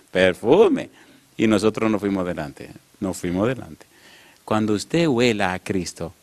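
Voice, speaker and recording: A man preaching a sermon, again and again asking the congregation "yes or no?" and swinging from loud calls to quiet, low storytelling. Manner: asks the congregation "yes or no?" over and over.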